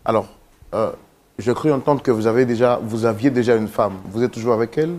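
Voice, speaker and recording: An actor playing a talk-show host who asks formal, measured questions of his guests. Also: mid-range voice, darkish tone, slight background noise, natural voice. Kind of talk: staged talk-show interview.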